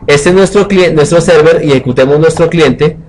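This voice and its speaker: Joking programming teacher. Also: male voice, fairly high pitch, brisk, a little mellow, rough recording. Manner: joking, colloquial, asks the class questions. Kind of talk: live coding lecture.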